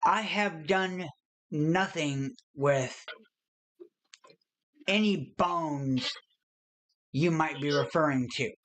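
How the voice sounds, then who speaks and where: A woman playing an evasive townsperson under interrogation in tabletop role-play, guarded and halting in delivery. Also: low voice.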